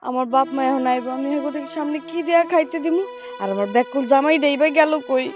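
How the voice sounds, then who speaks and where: An actress playing a tearful, accusing village wife. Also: female voice, high voice, fast talker, over music, natural voice.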